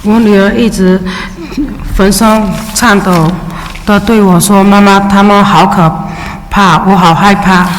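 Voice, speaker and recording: A Chinese immigrant woman from China, whose native language is Mandarin, reads her testimony as a witness at a city council hearing. Her medium-pitched voice is steady and measured, with brief hesitations. The large public hearing chamber sounds echoey, with faint ambience and slight background noise.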